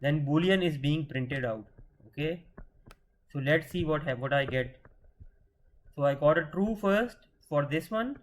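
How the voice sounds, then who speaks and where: Over poor audio with a little hiss or hum, a man with a slightly high voice gives a screen-share coding lesson. He patiently questions himself and supplies the answers, restarting words mid-sentence often.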